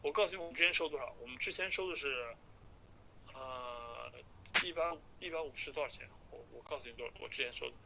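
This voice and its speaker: A man speaks quickly on a phone call in a bright, forward voice with faint noise behind. He explains and reassures like an agent with a client, halting and repeating words as he goes. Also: medium pitch, gravelly. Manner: halting and repetitive, stammering over words. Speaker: immigration and study-abroad agent. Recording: noisy recorded phone call.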